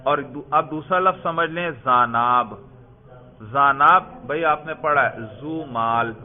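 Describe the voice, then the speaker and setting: Man teaching over tinny lo-fi audio. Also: a little high. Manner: explains patiently, repeats key words and quizzes students. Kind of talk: classroom lesson on Arabic grammar.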